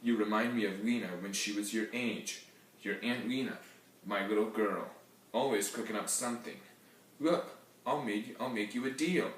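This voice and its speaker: A man voicing a brisk, commanding grandmother in a storybook. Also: on the low side, far from the mic, a little hiss or hum, close to an everyday voice. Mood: warm. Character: bossy, take-charge grandmother. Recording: very echoey room heard from afar.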